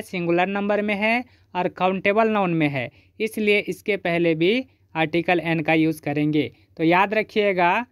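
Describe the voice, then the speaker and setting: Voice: mid-range voice, fairly bright tone, clear, resonant tone, dry recording, clean studio sound. A teacher from Chhattisgarh explaining grammar step by step, asking questions and then answering them.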